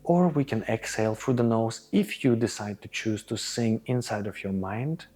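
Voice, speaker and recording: A man's voice: lowish voice, animated, moderate pace, dark tone, husky. Reassuring male breathwork instructor. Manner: reassuring, instructional, often checking with "okay?". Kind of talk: guided group breathwork instruction.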